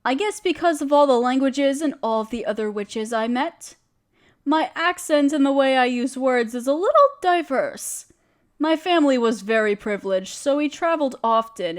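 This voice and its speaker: A woman plays a gentle, well-mannered witch in a scripted audio roleplay, addressing the listener warmly with quaint, delicate turns of phrase. Her high voice has lively intonation and a moderate pace, and her mood is kind and thoughtful.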